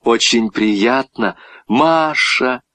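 A man voicing a timid, frightened little girl in a storybook, with a high plaintive voice. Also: extremely slow, bright, forceful tone, no room sound.

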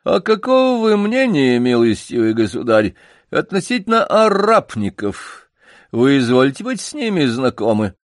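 A man voicing a pompous old male circus poodle who lectures slowly with showy pauses. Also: medium pitch, sing-song, no echo, studio quality, voice pushed up, natural voice. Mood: lofty, lecturing.

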